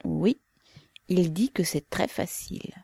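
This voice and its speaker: A woman's voice: on the low side, slow, creaky, dark tone, husky, dry recording, heavily acted. A woman voicing an earnest, proud young woman revolutionary who speaks with restrained intensity.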